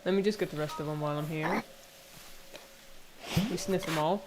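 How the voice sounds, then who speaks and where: A young woman with an Irish accent chatting casually while playing a game, chatty and prone to excited squeals. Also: deep voice, moderate pace, noisy background. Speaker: game streamer. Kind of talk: casual gameplay commentary. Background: game music.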